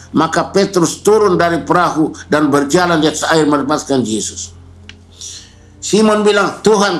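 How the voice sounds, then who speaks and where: A male pastor preaching a sermon, repeating key words and pausing for emphasis. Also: a little high, echoey room. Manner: preaching with repetition and emphatic pauses.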